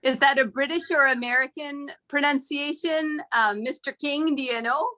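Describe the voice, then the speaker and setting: A woman's voice: high voice, steady tone, normal speed, bright, forceful tone, no room sound. A woman hosting an event on a video call, making chatty announcements. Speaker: event host.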